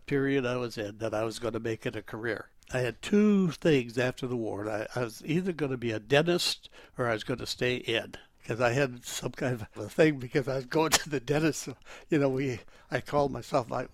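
An old man speaks as a veteran remembering his service in an oral history interview. His delivery is halting and wandering, feeling for details as he goes, with a medium-pitched voice and a dry, close sound. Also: no echo. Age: elderly, 80s or older. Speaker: interviewee, retired military officer and war veteran.

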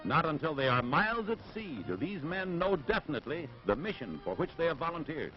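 A man declaims a 1940s newsreel in a lively, high-pitched announcer voice that rises and falls dramatically. The old film soundtrack sounds dull and lo-fi. A clear orchestral score runs under him. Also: brisk, faint music behind. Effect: old newsreel soundtrack played on air. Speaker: newsreel narrator. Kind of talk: 1940s wartime newsreel narration.

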